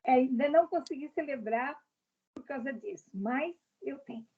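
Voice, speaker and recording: A woman's voice: high voice, expressive, normal speed, slightly rough, phone-quality sound. A woman from Brazil, a guest in a casual interview, speaking directly and explaining her views with examples.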